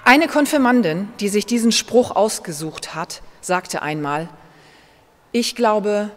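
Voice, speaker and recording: Slow-preaching woman pastor in a reverberant church. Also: medium pitch, very animated. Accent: German. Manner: slow, measured preaching with gentle emphasis. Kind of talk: sermon.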